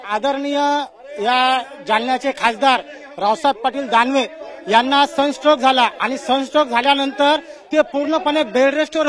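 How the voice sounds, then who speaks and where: A man's voice: very high-pitched, a bit bright. A man with a Marathi accent making an emphatic, repetitive rallying argument at a public debate. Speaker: party worker in a debate.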